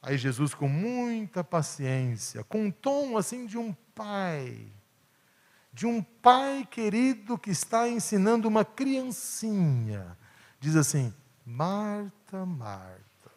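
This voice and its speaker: A male pastor from Brazil preaching a sermon, swinging between emphatic peaks and hushed asides. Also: sits high, very animated, slow. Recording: long church hall reverb.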